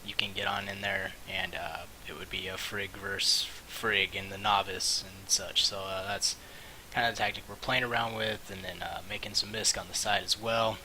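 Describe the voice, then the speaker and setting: A man giving casual, rambling and halting commentary on a game stream, with mouse clicking behind him. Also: low-pitched, little pitch movement, pushed and bright, poor audio. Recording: hissy mic, faint background noise.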